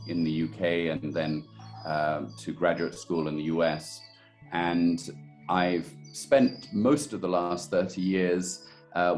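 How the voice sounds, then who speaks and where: A man in his later years with a very low voice, speaking in a measured, thoughtful way and often pausing on "uh" as he gathers his thoughts. Faint music sits quietly under the recording. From born in Sri Lanka, raised in India. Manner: measured, thoughtful, many fillers and pauses. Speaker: guest, chamber committee head and organic estate director. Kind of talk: webinar interview answers.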